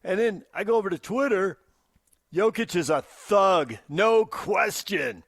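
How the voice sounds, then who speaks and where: An American man co-hosts a sports talk radio show, bantering and reading comments aloud in short, punchy, emphatic phrases. His high, somewhat bright voice is expressive and a little slow, with vocal fry and a breathy edge. The sound is dry and clean, captured in a radio studio on a close microphone.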